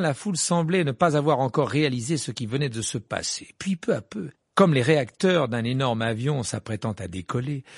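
Expressive husky male audiobook narrator. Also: medium pitch, dry recording, studio quality. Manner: expressive, animated reading. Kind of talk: scripted narration.

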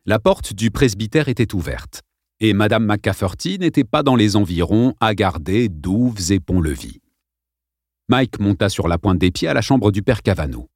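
A man reads a novel aloud with lively, shifting intonation. His voice is at a middle pitch for a man. The recording is dry and close, as in a studio booth. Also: normal speed, no room sound. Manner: lively, expressive reading. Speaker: audiobook narrator. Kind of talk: scripted narration.

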